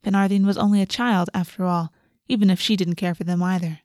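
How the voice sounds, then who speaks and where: A woman's voice: medium pitch, fairly even intonation, quick pace, darkish tone, no echo, clean studio sound. A woman reading scripted fantasy fiction as an audiobook narrator.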